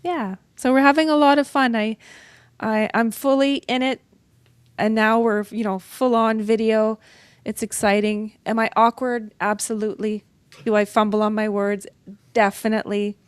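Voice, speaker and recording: A woman's voice: on the high side, level tone, normal speed, clean tone, no room sound. A middle-aged woman from northern Ontario, a guest author chatting casually and upbeat in an interview. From northern Ontario, Canada. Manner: chatty and upbeat, laughs easily.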